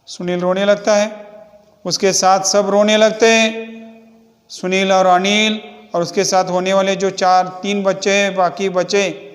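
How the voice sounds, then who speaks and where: A man's voice: flat delivery, big-room sound. A male teacher reading a story aloud to a class, explaining it as he goes and acting out the characters' lines. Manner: slow, acts out the characters' lines with shifts in pitch.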